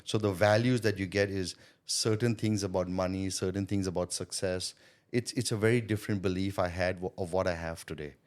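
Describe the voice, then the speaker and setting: In an interview, a sales coach and business owner, Thai-born and educated in India, talks about his childhood and his company. His voice is low-pitched with fairly even intonation and a brisk pace, and his earnest, reflective answers are sprinkled with "right?" and "you know".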